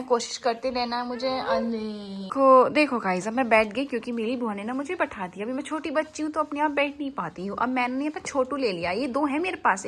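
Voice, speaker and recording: A woman's voice: a little high, a bit bright, slight background noise, lightly acted. A woman voicing a cheerful, chatty baby girl, narrating a vlog in the first person in sweet, sing-song baby talk.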